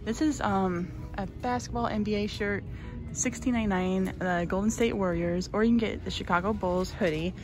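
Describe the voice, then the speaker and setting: A woman's voice: medium pitch, steady tone, normal speed, music in the background. A woman narrating a casual shop-with-me vlog on her phone, chatty and gushing, with lots of likes and ums. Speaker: shopping vlogger. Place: large retail store, indoors.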